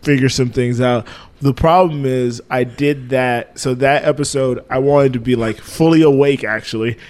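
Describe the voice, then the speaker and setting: A man's voice: medium pitch, normal speed, a little mellow. A young man co-hosting a podcast in casual chat, rambling, swearing and laughing often. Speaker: podcast co-host.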